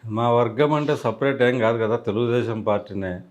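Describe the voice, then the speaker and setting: A man's voice: mid-range voice, normal speed, dull audio. A man, a district party president, answering interview questions firmly and dismissively. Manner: firm, dismissive, repeating points.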